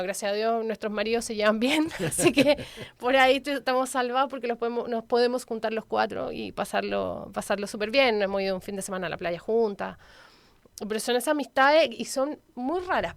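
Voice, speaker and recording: A Venezuelan woman in her forties, speaking with a Chilean Spanish accent, appears as a guest on a casual interview and shares personal stories in a warm, chatty way. She's a local councilwoman. Her voice is fairly high, a little fast and creaky, with no echo.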